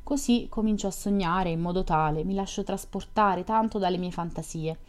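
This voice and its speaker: A talkative young woman full of teasing questions, read by a woman narrating a novel. The voice sits fairly low and sounds mellow and soft-edged. She chats along in a quick, curious, playful way. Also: close to an everyday voice. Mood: chatty, teasing. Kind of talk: audiobook reading of a novel.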